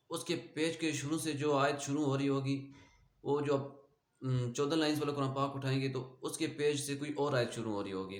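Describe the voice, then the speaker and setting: A man with a Pakistani Urdu accent leads an online Quran lesson, reciting at a slow pace for students to echo back and patiently explaining how words are pronounced. His voice sits in the mid range, and the sound is reverberant.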